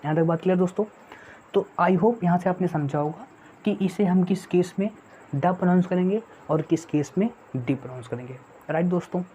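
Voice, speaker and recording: A woman's voice: fairly low pitch, fairly quick, mellow. A woman teaching an online exam-prep English lesson. She repeats herself often, calls the viewers friends, and asks questions she then answers. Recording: dull lo-fi audio with faint noise.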